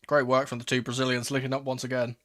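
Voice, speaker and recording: Man, mid-pitched voice, live football watchalong host, casual fan commentary, excitable manner. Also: quick pace. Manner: excitable, swearing, shifting from murmured play-by-play to raised exclamations.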